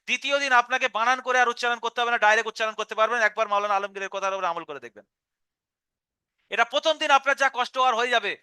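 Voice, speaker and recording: A man's voice: very high voice, sharp tone, clear, resonant tone, no echo, studio quality. A male Quran reading teacher giving a live online lesson, patiently explaining step by step and sounding out syllables aloud. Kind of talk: live online class instruction.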